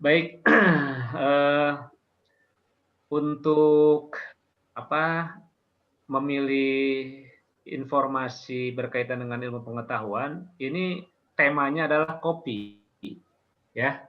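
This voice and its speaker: A man with an Indonesian accent teaching an online language class informally, patiently asking questions and pausing often. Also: mid-range voice, steady tone, dull audio.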